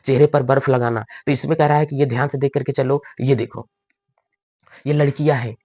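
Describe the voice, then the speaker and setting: A male teacher explains a lesson, posing questions and answering them himself. He addresses his students directly and teases them. His voice sits at an average pitch, and the recording is dry and close. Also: fairly even intonation, fairly quick, a little mellow, dry recording. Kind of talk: classroom lecture.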